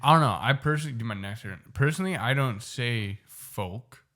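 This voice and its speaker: A man's voice: medium pitch, animated, a little fast, sharp tone. Young man, podcast co-host. Loose, slangy delivery with casual swearing. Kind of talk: casual chat.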